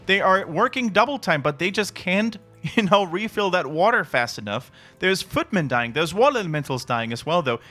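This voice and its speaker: Bright, excited Dutch game caster. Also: male voice. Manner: excited play-by-play, rising pitch at big moments. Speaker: esports caster. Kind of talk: live game commentary.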